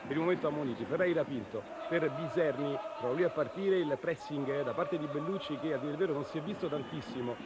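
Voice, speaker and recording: A man's voice: on the high side, quick pace, few pauses. A man delivering running live football commentary, following the play as it unfolds. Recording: clear outdoor stadium noise.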